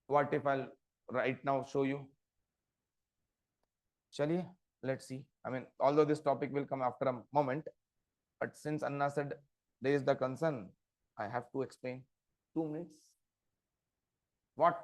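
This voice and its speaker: A man's voice: mid-range voice, steady tone, measured pace, long pauses. A man giving an interactive programming lecture, often stopping to quiz his listeners with short check questions. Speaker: programming instructor. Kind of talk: interactive live coding lecture.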